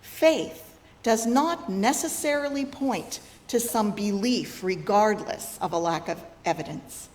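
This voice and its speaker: Slow, reflective woman giving a sermon. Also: medium pitch. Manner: slow, reflective, rising to loud braying calls. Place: fellowship hall. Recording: long reverb of a hall.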